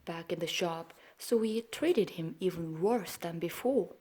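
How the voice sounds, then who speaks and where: A woman narrating an audiobook in a gentle, measured way that often drops to a hush. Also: on the low side, breathy edge.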